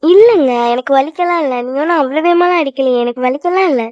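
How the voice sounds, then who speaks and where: A woman voicing a shy, sweet young woman in love in a cartoon, speaking gently and reassuringly. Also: high voice, fast talker, no room sound, close to an everyday voice. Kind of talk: cartoon voice acting. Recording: dull lo-fi, dry.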